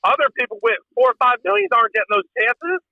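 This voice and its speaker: A man's voice: very high-pitched, expressive, fast talker, no echo, muffled recording. A man telling profane, joking stories in a rambling casual chat as a podcast guest. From Pennsylvania.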